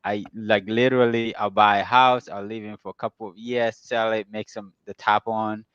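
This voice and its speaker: A man's voice: fairly low pitch, flat delivery, normal speed, fairly bright tone, clear, resonant tone, dry recording, lo-fi sound. A man in his thirties from Ghana, a guest telling his story easygoingly with plenty of ums. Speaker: guest, pharmacist and real estate investor. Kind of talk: casual interview.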